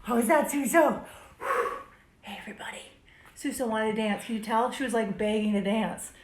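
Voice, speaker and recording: A woman's voice: a little high, normal speed. A woman hosting a live online drawing class for children, upbeat and chatty with her viewers. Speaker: drawing teacher and host. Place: home studio. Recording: echoey room, faint noise.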